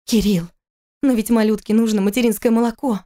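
A woman's voice: on the high side, fairly quick, a little mellow, voice pushed up, close to an everyday voice. A woman voicing a distraught pregnant young wife in an audiobook, pleading in a raised, shaken voice. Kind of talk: audiobook character reading.

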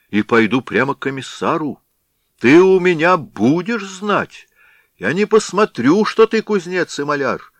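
A man's voice: mid-range voice, fairly bright tone, dry recording, pitched above the performer's own voice, full character voice. A man voicing a sly, sulky middle-aged male cossack who mutters aggrieved complaints to himself. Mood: grumbling.

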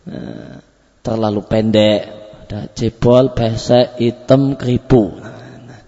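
Teacher lecturing in an echoing hall. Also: male voice, fairly low pitch, fairly even intonation, takes it slowly, mellow. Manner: explanatory, with frequent fillers and self-corrections. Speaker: Islamic teacher. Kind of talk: religious study lecture. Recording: lo-fi recording with long hall reverb.

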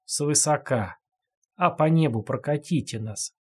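A man's voice: fairly high pitch, unhurried, slightly rough. A man voicing a traumatized, wounded woman who murmurs a children's song over and over in a daze. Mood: dazed murmuring. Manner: dazed, repetitive murmuring.

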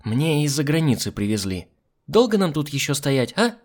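A man's voice: on the high side, sing-song, normal speed, voice pushed up. A man doing a snappish scheming young woman. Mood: sharp, coaxing. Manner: sharp, snappish, falsely sweet.

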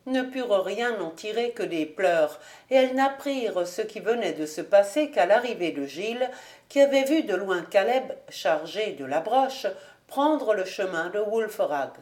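A woman reading a classic novel aloud as an audiobook narrator, in a lively, expressive reading style. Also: medium pitch, measured pace. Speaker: audiobook reader. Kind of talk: storybook narration.

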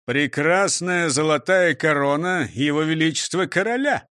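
A man plays a puzzled prosecutor who thinks slowly and out loud, in a high, measured voice. The sound is dry and close to the mic. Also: expressive, dry recording. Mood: musing. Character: baffled male prosecutor, former pupil.

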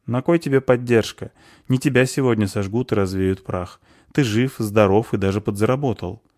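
A man's voice: on the low side, moderate pace, darkish tone, no room sound, natural voice. A man voicing a stout dwarf woman who speaks bluntly and grimly in an audiobook. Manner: blunt, dry, grim.

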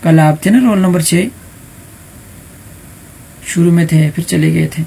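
A man's voice: a little high, fairly even intonation, vocal fry, mellow, breathy edge. A man teaching an online Arabic grammar lesson, speaking patiently and calling on students by roll number over a computer mic. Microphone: computer mic in an online voice chat room.

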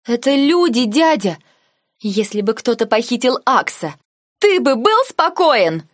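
A woman's voice: lowish voice, a little slow, dry recording, clean studio sound. A woman reading the lines of a distraught young noblewoman arguing with her uncle in an audiobook. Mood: upset, shouting. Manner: pleading, then shouting in anger. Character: angry, hurt young noblewoman heroine.

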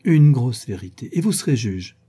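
A man reading an audiobook, voicing a proud, stubborn young gentleman who argues insistently. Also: medium pitch, sing-song, moderate pace, breathy edge. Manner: insistent, indignant.

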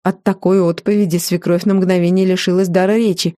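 Mellow-voiced woman narrating a novel. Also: on the low side, level tone, fairly quick, no echo, clean studio sound. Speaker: audiobook reader. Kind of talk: first-person novel narration.

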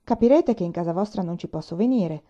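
Cool, offhand young student rebel, mellow lo-fi sound; a woman reads him. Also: lowish voice, fast. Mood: calm. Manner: calm, indifferent. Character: young male revolutionary student, calm. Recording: dull lo-fi recording.

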